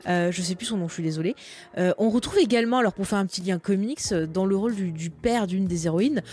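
Talking fast in a mid-range voice that's a little mellow and slightly rough, this podcast co-host chats casually, eagerly recommending a show. Faint music plays behind her.

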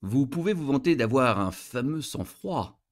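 A brooding, jealous husband, voiced by a man reading a story, tense and urgent. His voice sits at a middle pitch but moves about in wide swings. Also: expressive, a little slow, lightly acted.

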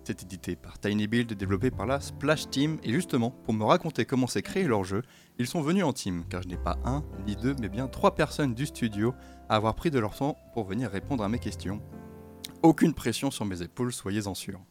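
A man's voice: lowish voice, lively intonation, fairly quick, soft background music. A man hosting a game development podcast, chatting in a friendly, hesitant way with many fillers. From France. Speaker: podcast host. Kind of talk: conversational interview.

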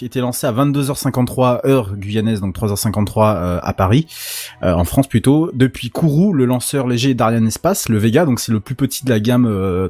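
A man's voice: medium pitch, darkish tone, dry recording. A man in his thirties presenting tech news on a podcast, hesitant and full of fillers. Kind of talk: casual chat.

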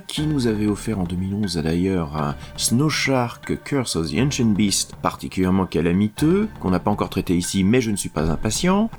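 A man's voice: fairly low pitch, darkish tone. A man giving a comic spoken film review in a sardonic, exasperated manner.

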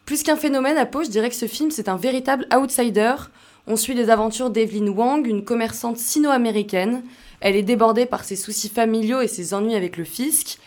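Young woman, news segment, slightly high voice, lively conversational reading. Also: brisk. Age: young adult. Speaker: culture and sport reporter.

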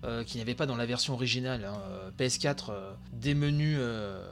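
A tired man hosting a podcast, giving chatty, excitable live commentary on a video stream, full of fillers and asides. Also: medium pitch, a little fast. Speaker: podcast host.

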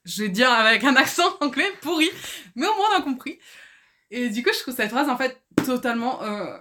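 A young woman co-hosts a casual podcast about books, gushing enthusiastically and using lots of fillers. Her fairly high voice has lively intonation and a slightly fast pace, with background noise present.

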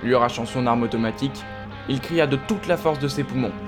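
A man giving steady, understated scripted narration of an audio drama. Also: medium pitch, a little fast, music in the background.

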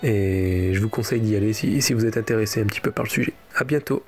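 A man's voice: lowish voice, fast talker, faint music behind. A man giving a casual, off-the-cuff film review, often repeating words as he searches for his phrasing.

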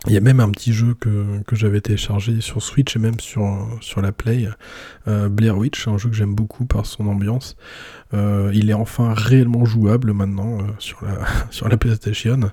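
Dark, husky man chatting hesitantly. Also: on the low side, dry recording, studio quality. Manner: hesitant, many fillers and restarts. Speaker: podcast host. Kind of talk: casual solo podcast chat.

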